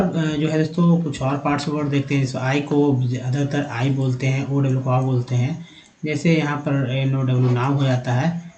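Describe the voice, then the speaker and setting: A man's voice: medium pitch, a little mellow, reverberant, rough recording. A man teaches English spelling and pronunciation, repeating letter patterns aloud and addressing viewers as friends.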